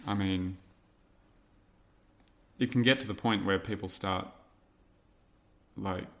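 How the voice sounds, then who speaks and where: Male co-host, young, somewhat low voice, animated storyteller who likes doing other people's voices. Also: slow, gravelly. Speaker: podcast co-host; teacher. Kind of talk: casual chat.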